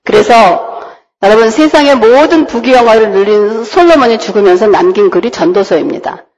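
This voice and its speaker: A woman's voice: on the high side, lively intonation, moderate pace, a little mellow, low-quality recording. A woman pastor preaching a sermon, often putting questions to the congregation. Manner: asks the congregation rhetorical questions.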